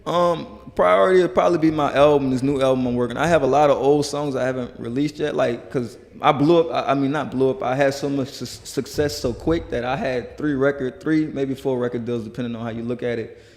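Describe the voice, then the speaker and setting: A man's voice: medium pitch, fairly even intonation, fairly quick, creaky. A man being interviewed as a musician, talking earnestly and rambling with many restarts. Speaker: guest musician. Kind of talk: casual interview talk. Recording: reverberant hall.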